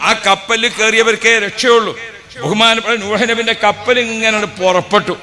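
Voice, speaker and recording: A male preacher delivers an animated sermon in a high, bright voice. He tells stories, asks rhetorical questions, and acts out quotes. His voice rings through a reverberant hall. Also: moderate pace. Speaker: Islamic preacher.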